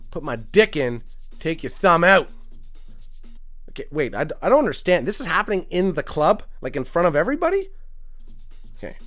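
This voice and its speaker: A man reads rap lyrics aloud as a comedy bit, in a fairly high voice that swoops up and down. His asides are dry and mock-serious. Faint music plays underneath. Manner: mock-serious, dry commentary between lively recited lines. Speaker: podcast host. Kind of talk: deadpan comic reading of rap lyrics.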